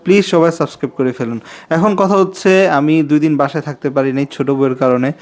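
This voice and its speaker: A man's voice: fairly high pitch, quick pace. A man in his twenties talking to camera in a casual, confiding vlog, repeating himself and asking viewers to subscribe. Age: 20s. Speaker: vlogger.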